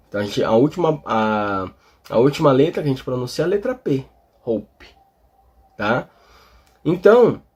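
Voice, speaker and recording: A Portuguese-speaking man explaining English vowel pronunciation, talking slowly with many fillers and tag questions. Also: a little high, husky. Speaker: English teacher. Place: in front of a display board.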